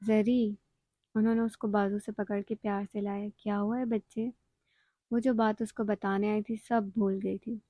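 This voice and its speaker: A woman narrating a novel aloud in a steady, scripted reading. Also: medium pitch, few pauses, no room sound.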